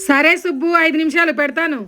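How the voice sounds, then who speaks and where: A woman performing a comic skit in a playful, mock-innocent manner. Her voice is very high and her speech quick, and loud background music plays under every line. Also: steady tone. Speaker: comedy sketch performer. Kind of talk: comedy skit acting.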